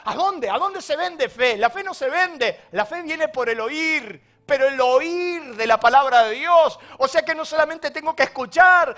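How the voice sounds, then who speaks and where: High-voiced Argentine preacher with dramatic swings. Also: male voice, a bit bright. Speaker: pastor. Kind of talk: sermon.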